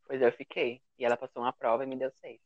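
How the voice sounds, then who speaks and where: A man's voice: medium pitch, flat delivery, fast, dry recording. A young man, a university student, chatting casually and telling self-mocking stories about school. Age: young adult. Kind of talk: casual chat. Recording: dull lo-fi audio.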